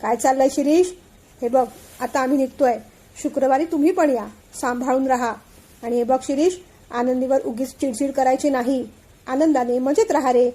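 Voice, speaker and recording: Storybook father, firm yet doting, scolding gently, read by a woman in a high, mellow voice. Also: steady tone, moderate pace. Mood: fond. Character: fond, firm father and company boss.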